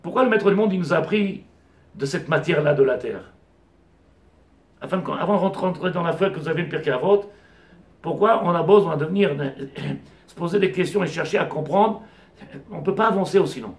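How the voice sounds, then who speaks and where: A man's voice: on the high side, a little fast, pauses often. A man, a rabbi, giving a Torah class to a small audience, digressive, firing rhetorical questions at the class and mixing in Hebrew terms. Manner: mixes Hebrew terms into French. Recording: echoey room.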